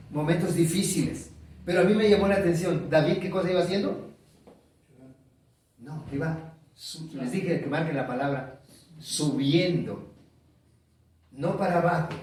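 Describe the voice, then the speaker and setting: Male preacher, sermon delivery, quizzes the crowd and repeats key words; high voice, boomy distant room sound. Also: darkish tone, very echoey. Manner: asks the congregation questions and repeats key words.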